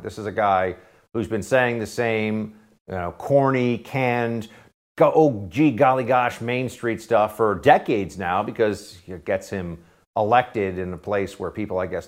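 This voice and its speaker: A man hosting a political talk radio show, delivering sarcastic commentary that swings between loud jabs and quiet asides. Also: fairly low pitch. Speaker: radio host.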